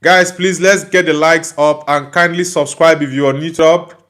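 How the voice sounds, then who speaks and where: A young Nigerian man hosts a casual livestream, reading viewer comments aloud and answering each one in a friendly manner while repeatedly asking for likes and subscribes. His voice is fairly high and fairly bright, with fairly even intonation and normal speed.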